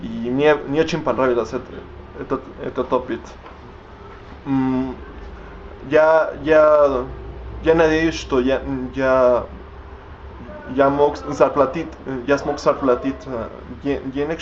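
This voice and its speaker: A young language learner, Spanish by first language, talks haltingly on his vlog, repeatedly abandoning and restarting words while filling pauses. His intonation stays fairly even at a normal middle pitch. The sound is a little muffled and lo-fi, with a faint hiss.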